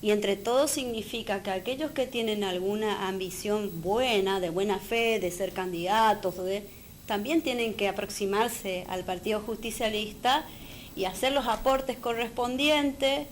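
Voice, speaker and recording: A woman's voice: mid-range voice, unhurried. Earnest Argentine woman, political guest. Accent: Argentine Spanish. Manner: firm, earnest, uses fillers. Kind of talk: political talk show interview. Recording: faint background noise.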